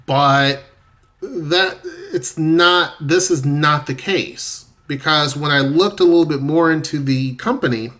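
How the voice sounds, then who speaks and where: A man's voice: a little high, slow, a bit bright. A man talking casually to a camera in a vlog, rambling and correcting himself as he goes. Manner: rambling, self-correcting, conversational. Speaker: vlogger. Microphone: camera facing the speaker.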